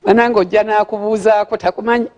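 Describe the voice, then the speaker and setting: A woman's voice: mid-range voice, steady tone, quick pace, darkish tone, dull audio. Older Ugandan woman speaking in a hall. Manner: chatty, repeats words while searching for them, laughs at her own remarks. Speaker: guest speaker at a gala. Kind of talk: formal speech with friendly asides. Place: large banquet hall. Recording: long hall reverb.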